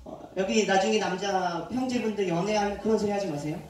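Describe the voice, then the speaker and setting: A man who is a youth pastor, preaching a sermon to a youth group and telling the story in a lively way while quizzing his listeners. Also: high voice, a little fast, a little hiss or hum. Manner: animated storytelling, quizzes the audience. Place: church hall. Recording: echoey hall, far from the mic.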